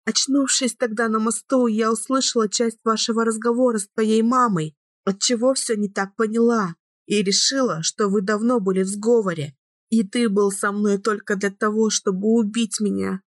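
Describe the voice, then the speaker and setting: A woman reading an audiobook voices a young heroine, tearful and pleading, in a higher, emotional voice. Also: steady tone, moderate pace, no room sound, studio quality, close to an everyday voice.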